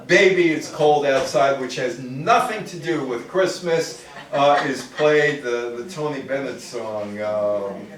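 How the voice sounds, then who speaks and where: Speaking at a medium pitch, this grandfatherly American man lectures informally on music history before a live audience, moving slowly with hardly any pauses and a somewhat bright tone. He is recorded from a distance in a very reverberant indoor room.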